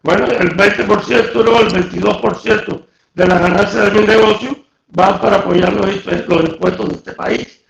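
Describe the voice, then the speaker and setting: Cuban guy with a gravelly high voice, pushing his point hard, echoey room. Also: fairly even intonation, normal speed, fairly bright tone, highs cut off. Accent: Cuban Spanish. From Cuba. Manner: firm and insistent, restarts words. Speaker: guest. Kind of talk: debate interview.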